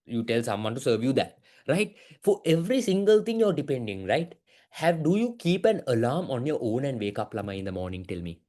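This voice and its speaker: A young man teaching an online business class, asking lots of quick questions. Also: medium pitch. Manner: lively, keeps asking "right?", mixes in Sinhala words. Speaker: business studies tutor.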